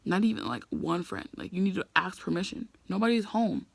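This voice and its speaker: Young woman, 18, vlogger, fed-up storyteller, gravelly, dry close sound. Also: on the low side, very animated, brisk, dry recording. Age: young adult, 18. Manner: exasperated, ranting. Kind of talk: casual storytime vlog.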